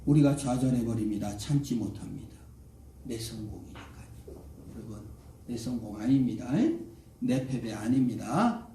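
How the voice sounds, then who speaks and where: A man's voice: mid-range voice, moderate pace, mellow, a little hiss or hum. A male pastor preaching a sermon with dramatic swings, acting out the lines of the people in his story. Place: church sanctuary. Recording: roomy church echo, mic at a distance.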